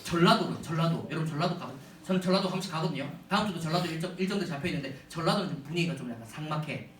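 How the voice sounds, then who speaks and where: At a youth retreat, a man gives an animated, humorous storytelling sermon, frequently turning to the audience. His voice is on the high side and very fast. The recording comes from a distance in a large hall full of echo.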